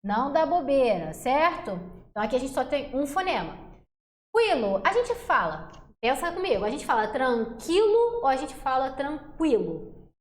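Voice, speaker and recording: A high-pitched woman gives a chatty exam-prep lesson, constantly checking in with her students. She sounds out letters and syllables slowly and deliberately. The recording is roomy, with a noticeable echo. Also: sing-song. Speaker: Portuguese teacher. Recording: echoey room.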